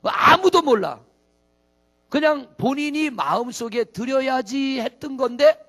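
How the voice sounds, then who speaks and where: A man's voice: very high-pitched, creaky, a bit bright, breathy edge. A middle-aged man preaching a sermon as pastor, folksy, asking the congregation questions.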